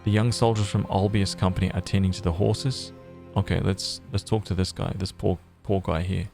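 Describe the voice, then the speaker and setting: Man, gaming video host, reads game text aloud, casual slang reactions, gravelly voice. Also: low voice, fairly even intonation, normal speed, a little mellow, faint music behind.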